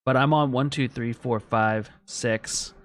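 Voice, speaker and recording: Over faint background music, a male gaming streamer talks slowly at medium pitch with fairly even intonation. His let's-play commentary is casual: he thinks out loud, chats with his audience and reads text off the screen while playing.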